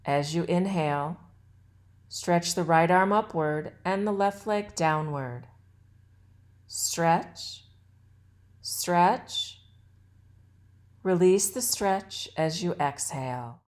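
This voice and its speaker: A yoga nidra instructor, a woman with a fairly low, slightly mellow voice, leads a guided meditation. She speaks very slowly and soothingly, giving relaxation instructions in short, deliberate phrases.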